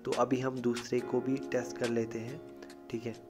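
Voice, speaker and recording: A man with an Indian accent and a mid-range voice narrates a casual tech tutorial as a YouTube host. He speaks at a moderate pace with little pitch movement, keeping it informal and frequently checking in with a short tag phrase. Music plays in the background.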